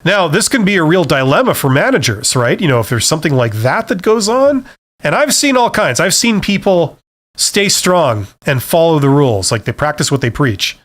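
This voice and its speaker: A man's voice: on the high side, big pitch swings, normal speed, fairly bright tone. Chatty middle-aged man answering live questions. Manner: conversational and joking, reads questions aloud and acts out quoted speech. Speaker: host answering viewer questions. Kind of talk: casual live-stream Q&A.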